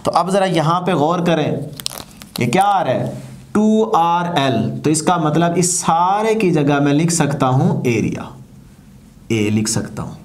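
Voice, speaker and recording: Male teacher with a slightly high voice, lecturing step by step and quizzing the class. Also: lively intonation, a little slow, a little hiss or hum. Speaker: physics teacher.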